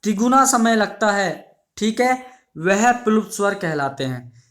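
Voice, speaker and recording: A man's voice: sits high, sing-song, a bit bright. A man teaching an exam-prep grammar lesson, asking questions and then answering them himself, repeating each definition and calling his students his dear children. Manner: repetitive, drills each definition slowly.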